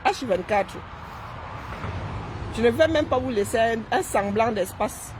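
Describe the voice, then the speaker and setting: A woman's voice: mid-range voice, a little mellow, a little hiss or hum. A woman doing live-stream commentary while seated, mocking and sarcastic, often tossing in "hein?". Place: seated indoors.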